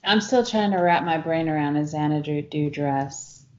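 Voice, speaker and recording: A woman in a casual group chat making wry, quick-witted remarks. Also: deep voice, reverberant. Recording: dull lo-fi recording.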